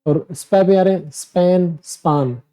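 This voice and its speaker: In a screen-share lesson, a man teaches pronunciation, drilling word lists aloud and posing questions that he then answers himself. His warm voice sits high, and he keeps a measured pace.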